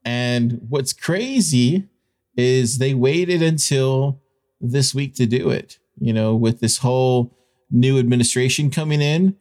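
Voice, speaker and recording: A man's voice: medium pitch, takes it slowly, a little mellow. A man hosting a show with informal, partly ad-libbed news commentary, repeating phrases for emphasis. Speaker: host of a crypto news show.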